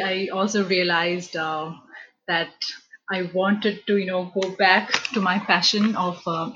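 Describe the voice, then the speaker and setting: A woman's voice: on the low side, fairly bright tone, dull audio, slight background noise. A woman from Sri Lanka answering interview questions about her career, speaking thoughtfully with many fillers and restarts. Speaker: interview guest, business analyst.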